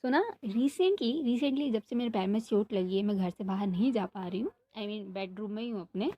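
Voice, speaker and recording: A woman's voice: mid-range voice, moderate pace, warm tone, dull audio. A young woman rambling animatedly from her bedroom, chatting casually and then narrating a story for her channel. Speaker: storytelling vlogger. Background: neighbour's music playing.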